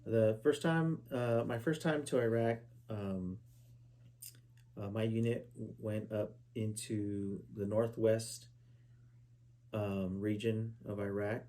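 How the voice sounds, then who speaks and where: A man in his forties from Southern California, a veteran answering oral history questions at a relative's house, halting with many fillers and restarts. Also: fairly low pitch, steady tone, dark tone. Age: 40s. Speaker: interviewee, Army veteran. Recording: poor quality home recording.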